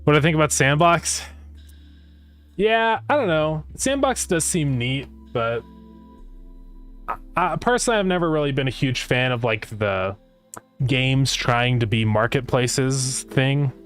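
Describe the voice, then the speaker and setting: A man's voice: mid-range voice, expressive, unhurried, a bit bright, clear, resonant tone. Man with retainer-slurred speech, music behind. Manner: rambling, thinking aloud. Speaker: game developer livestreamer. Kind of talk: casual livestream chat.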